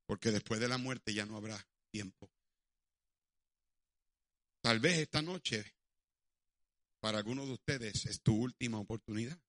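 A man's voice: fairly low pitch, unhurried, pauses often, a bit bright, no echo, clean studio sound. A male preacher who delivers an evangelistic sermon dramatically and moves into prayer.

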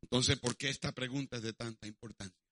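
A man's voice: medium pitch, steady tone, fast talker, pushed and bright, no room sound, clean studio sound. A male preacher who delivers an evangelistic sermon dramatically and moves into prayer.

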